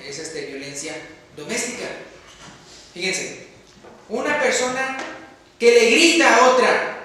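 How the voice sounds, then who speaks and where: A man from Mexico preaches a sermon in a high, bright voice. He talks emphatically, putting questions to his listeners and answering them himself. He is recorded from a distance in a strongly echoing church hall. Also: slight background noise. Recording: very echoey hall, mic far off.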